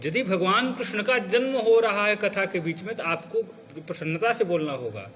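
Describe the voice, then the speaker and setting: A high-pitched man lectures a classroom on recitation. He explains step by step and keeps asking whether his students are following. A faint hum of noise sits behind his voice. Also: expressive, moderate pace, a bit bright. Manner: patient, checks understanding with repeated questions; demonstrates phrasing by reciting example lines. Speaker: teacher of scripture recitation.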